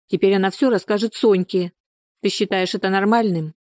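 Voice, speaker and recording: A woman voicing a nervous, sharp-tongued young woman who snaps reproachfully. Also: medium pitch, fairly even intonation, normal speed, dry recording, studio quality, lightly acted. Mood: annoyed. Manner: reproachful, snappy.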